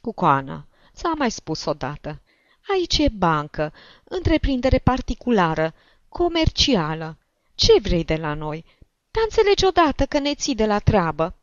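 A woman's voice: medium pitch, big pitch swings, no echo, pitched above the performer's own voice, close to an everyday voice. A woman voicing a nervous, irritable older male bank director who speaks in a fretful, groaning way, on a dull lo-fi recording. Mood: weary.

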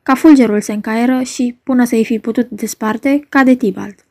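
A woman's voice: a little high, fairly even intonation, a little mellow. A woman reading the part of a young male friend who urges and recounts a fight, in a dramatic play reading. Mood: recounting. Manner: urgent, pleading delivery.

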